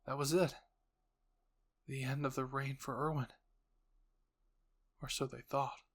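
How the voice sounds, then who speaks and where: A narrator and voice performer delivers scripted fan-fiction storytelling for an audio roleplay. The voice sits in the middle register with little pitch movement and a measured pace.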